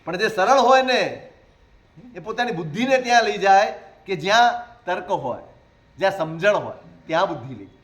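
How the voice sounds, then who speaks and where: A Jain monk, a man, gives a sermon in a conversational style, using rhetorical questions and gentle humor. His voice is high and animated, and he speaks at a normal speed.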